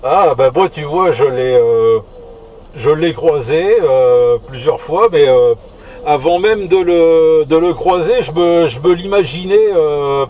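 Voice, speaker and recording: The audio is muffled and band-limited, picked up by a distant mic in a noisy car parked outdoors. A CB radio operator talks casually over two-way radio in a slow, slightly mellow, higher voice, hesitating, drawing out words, and repeating phrases.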